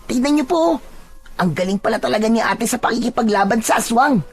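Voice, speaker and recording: A narrator voicing a curious, stubborn boy who pleads politely and excitedly. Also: a little high, brisk, husky, voice pushed up. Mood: eager.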